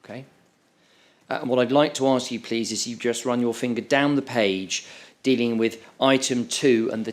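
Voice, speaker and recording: Man lawyer asking questions, slow and careful, polite. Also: mid-range voice. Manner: measured, deliberate, polite. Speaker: inquiry counsel. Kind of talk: formal questioning.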